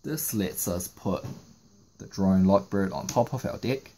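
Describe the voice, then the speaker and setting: Walking through the moves one after another, a man explains a card game in a step-by-step tutorial for his trading card game YouTube channel. He speaks a little slowly, in a low voice with a dark tone.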